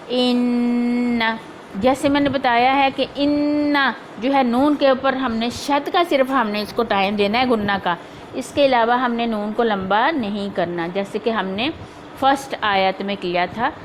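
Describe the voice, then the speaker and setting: Female recitation teacher, slightly high voice, unhurried and repetitive, faint background hiss. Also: rough recording. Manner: slow drawn-out recitation with repeated syllables; patient explaining, repeating points. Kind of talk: tajweed lesson.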